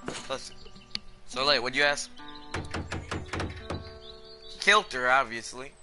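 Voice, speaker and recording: A man's voice: medium pitch, brisk, over music. A man streaming a game, giving casual commentary in a crude, joking way and talking to friends in the room. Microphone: desk mic.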